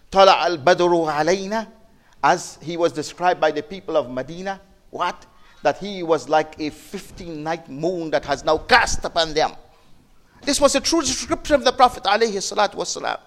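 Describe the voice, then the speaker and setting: A man giving a sermon as a preacher, telling a story with emotive rises and hushed drops, repeating words and restarting. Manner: emotive, rises and drops sharply in pitch and loudness; repeats words and restarts, non-native phrasing.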